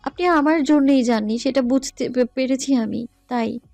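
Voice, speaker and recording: A woman's voice: sits high, normal speed, gravelly, a little mellow, no echo, soft background music. A woman playing a stubborn young student who talks back with defiance and a teasing, playful edge in an audio love story.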